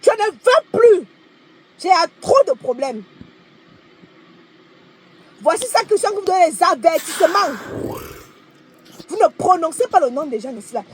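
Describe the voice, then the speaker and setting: A young adult woman, talking on a livestream in an emphatic, declaiming way that swings between soft and loud. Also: extremely high pitch. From Cameroon. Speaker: live streamer. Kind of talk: livestream monologue.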